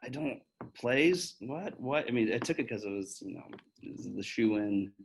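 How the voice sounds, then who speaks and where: A man's voice: mid-range voice, lively intonation, normal speed, gravelly, a little hiss or hum, poor audio. A man in his thirties, a physician talking casually to pre-med students and answering their questions in a candid, chatty way with plenty of fillers and restarts. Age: 30s. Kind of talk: casual Q&A talk.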